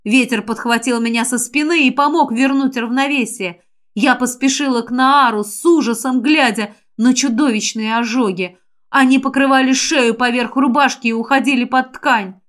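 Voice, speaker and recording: A woman narrates a first-person fantasy audiobook with a high, clear voice. Her reading is emotional and expressive, and her pitch rises in the tense passages. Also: normal speed.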